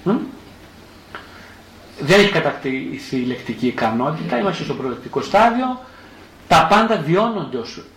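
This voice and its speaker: Animated man lecturing in an echoey room. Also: mid-range voice, a little hiss or hum. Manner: animated, asks and answers his own questions; acts out a child's inner voice in first person. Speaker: psychotherapist. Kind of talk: spoken lecture on psychotherapy.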